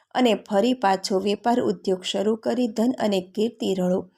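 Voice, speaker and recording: A woman narrating a folk tale in a calm, steady storytelling manner. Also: medium pitch.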